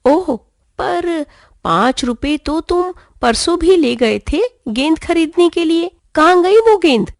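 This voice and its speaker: A woman's voice: extremely high pitch, animated, slow, no echo, clean studio sound, voice pushed up, heavily acted. A woman voicing a loving mother who scolds with pretend sternness in a children's storybook reading. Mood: mock-stern. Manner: mock-stern, affectionate. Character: patient mother teasing her son.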